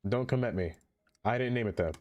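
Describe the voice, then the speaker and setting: Greeting his viewers one by one by name, a man chats excitably while streaming a game in a casual livestream. His nose sounds congested, his pitch is medium, and his pace is brisk.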